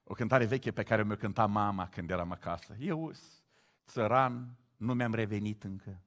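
A middle-aged man from Romania preaching a sermon, moving from quiet reflection to loud exclamations. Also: on the low side. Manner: animated, swings from hushed to loud exclamations.

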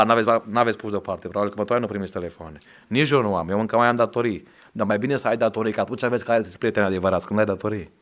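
A man preaching a sermon in a Romanian accent, talking plainly to the congregation and then climbing into loud, high, emphatic exhortation.

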